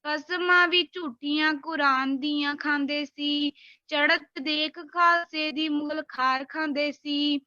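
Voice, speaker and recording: A woman's voice: high-pitched, steady tone, slow pace, pushed and bright, no room sound, muffled recording, soft background music. A woman reciting verse in a declamatory style. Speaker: student reciting poetry.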